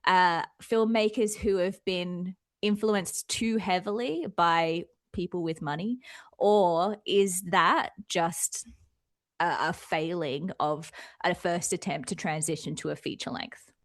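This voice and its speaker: A woman's voice: lowish voice, slow, no echo, clean studio sound. An Australian woman co-hosting a podcast, chatting casually about a film and laughing often. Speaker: podcast co-host.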